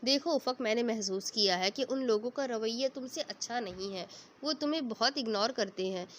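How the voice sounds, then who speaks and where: A woman's voice: fairly high pitch, moderate pace, slight background noise, lightly acted. A woman reading as a caring, exasperated mother. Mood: concerned. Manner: earnest, mildly exasperated. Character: caring middle-aged mother, easily exasperated.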